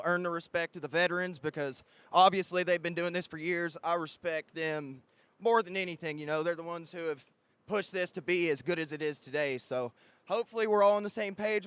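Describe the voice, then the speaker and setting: A man's voice: high-pitched, smooth, no room sound. A young man, a drone racing pilot, talking casually in a post-race interview, full of fillers. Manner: relaxed, chatty, filler-heavy.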